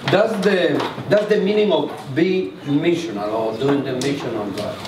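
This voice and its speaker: Man, guest minister, halting with fillers, echoey church room. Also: fairly high pitch. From Honduras. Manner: slow, halting, with many fillers. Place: church sanctuary. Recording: echoey church room, distant mic, noisy.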